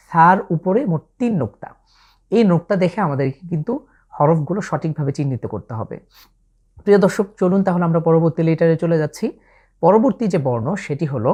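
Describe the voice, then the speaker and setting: A woman with a Bangladeshi Bengali accent teaching Arabic letter pronunciation for the Quran, slow and patient, drawing out each letter as she demonstrates it. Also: deep voice, darkish tone.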